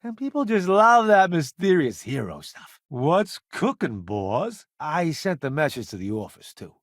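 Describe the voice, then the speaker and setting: A male actor voices a wry, self-promoting food columnist who becomes a space crewmate in a video game, sounding breezy and full of sardonic wisecracks. His fairly high voice is very animated yet unhurried, captured as a dry, studio-quality recording.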